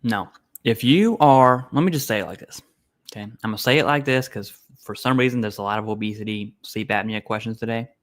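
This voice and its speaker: A man's voice: lowish voice, brisk. Blunt, casual male stream host. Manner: blunt, informal, reads questions aloud. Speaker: livestream host answering viewer questions. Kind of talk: casual live Q&A. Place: home setup, eating while streaming.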